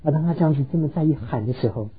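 A man's voice: a little high, rapid-fire, narrow, tinny audio, slight background noise. A pastor preaching a sermon, earnestly telling stories and slipping English words into his talk. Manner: earnest, heartfelt storytelling.

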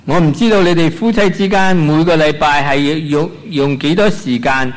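A man's voice: on the high side, moderate pace. A man interpreting a sermon phrase by phrase, following the preacher closely with occasional restarts. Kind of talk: consecutive sermon interpretation into Cantonese.

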